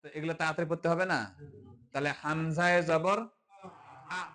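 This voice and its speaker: A man teaching Quran reading to a live online class, drilling letters slowly and asking the class to answer, chanting the spelling in a drawn-out singsong. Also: on the high side, level tone, pushed and bright.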